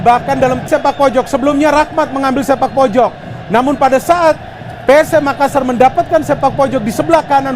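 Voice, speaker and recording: A man with an Indonesian accent giving analytical live football commentary as a co-commentator. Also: very high-pitched. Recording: loud crowd and stadium noise.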